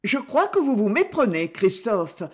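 Feisty old woman in her 70s, read by a woman, higher and brassy, blunt teaser. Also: very animated, unhurried. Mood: dry. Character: feisty elderly woman from the south of France.

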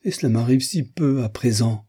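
A man's voice: lowish voice, expressive, moderate pace, dark tone, slightly rough, voice pushed up. A man reading aloud, voicing a simple, tearful older woman who pleads meekly. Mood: pleading. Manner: pleading, meek.

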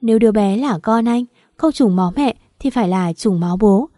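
A woman reading a first-person story aloud in an even, steady narration. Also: mid-range voice, brisk, dry recording, clean studio sound.

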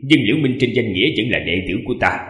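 A man's voice: mid-range voice, animated, racing, a bit bright, natural voice. A man with a sore throat voicing an older male sect master who teases his female disciple with knowing advice. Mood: teasing. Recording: echoey, long reverb.

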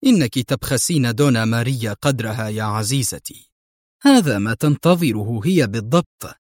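A man voicing a calm, mocking male secret agent in an audiobook reading. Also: mid-range voice, normal speed, no room sound, clean studio sound, close to an everyday voice. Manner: mocking, self-assured. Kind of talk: audiobook narration.

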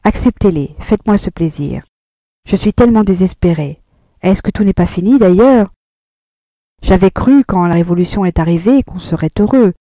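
An earnest, good-hearted young man pours out his despair in pleading, agitated bursts, as a woman reading an audiobook puts him on. The voice lifts a little higher and louder than the narration, dark and dry on a dull recording. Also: expressive, normal speed, no room sound. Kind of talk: audiobook dialogue.

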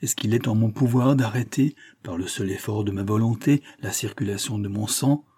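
A man's voice: lowish voice, normal speed, dark tone, husky. A man reading the part of an anguished young man, a jilted lover who pleads in bitter despair. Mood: anguished, impassioned.

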